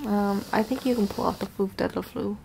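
A woman's voice: medium pitch, fairly even intonation, fairly quick, creaky, noisy background. Young woman, light playful teasing, casual vlog chat. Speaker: vlogger.

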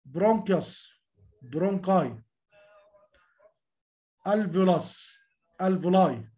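An expressive, unhurried man with a high but dark-toned voice and an Egyptian Arabic accent gives a university lecture on medical terminology. Repeating often, he has the class practice pronunciation one syllable at a time and regularly calls out to them together.

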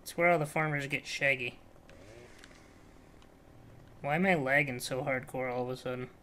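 A man co-hosting a farming game let's play in casual chat, joking and swearing, with loud outbursts. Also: mid-range voice, steady tone, normal speed, slight background noise.

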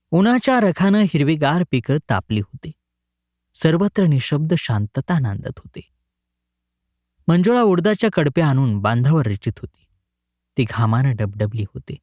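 A man narrating a short story in a dramatic, expressive reading. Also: fairly high pitch, dry recording, clean studio sound.

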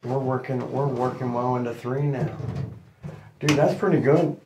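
A mid-range male voice at a moderate pace comes through a low-quality recording with a crowd in the background, plus noticeable noise and clicks. He's a middle-aged chiropractic patient in his 40s or 50s, lying down and chatting casually, in a rambling way, during treatment in a small indoor office.

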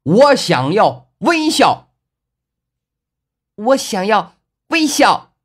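A man voicing an exuberant young rich heir who shouts and urges others on. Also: mid-range voice, very animated, fast, husky. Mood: urging loudly. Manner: shouting, stammering when overwhelmed.

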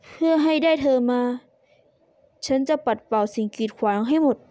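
A woman voicing a commanding young nobleman who is possessive and protective, speaking low and firm. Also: moderate pace, dark tone, no room sound, close to an everyday voice. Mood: tender, firm.

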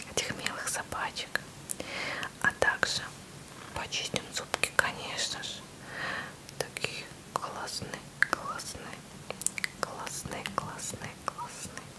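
A woman whispers softly for ASMR, very close to the microphone. Her delivery is breathy and very slow. She coos tenderly, repeating words in a soothing way. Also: poor audio. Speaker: ASMR channel host. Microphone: close mic.

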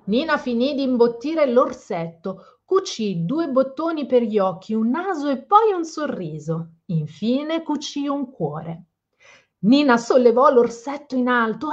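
A woman reading a children's picture book aloud and gently explaining the story to children. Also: on the high side. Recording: slightly dull lo-fi sound.

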